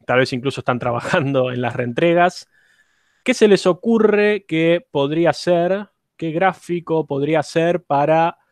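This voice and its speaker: A man's voice: on the high side, clean tone, dry recording, clean studio sound. A man teaching an online university class, explaining step by step and putting questions to his students. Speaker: university lecturer.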